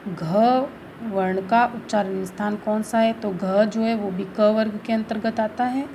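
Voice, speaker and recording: A woman teacher explaining a school lesson slowly and carefully, reading each line first and then explaining it. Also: medium pitch, steady tone, vocal fry, dark tone, a little hiss or hum, low-quality recording. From India. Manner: slow, careful explanation, reads Sanskrit then explains in Hindi.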